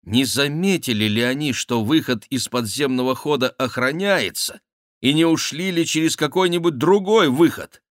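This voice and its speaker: A man narrating a novel as an audiobook reader, measured and even. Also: mid-range voice, dry recording, clean studio sound. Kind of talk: scripted literary narration.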